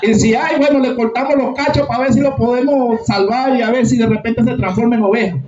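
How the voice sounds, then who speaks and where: A man's voice: very high voice, fairly even intonation, a little fast, music in the background. A man preaching a sermon to his congregation, emphatic, with many rhetorical questions and frequent calls of "brother". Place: church hall. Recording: echoey room, distant mic, dull sound.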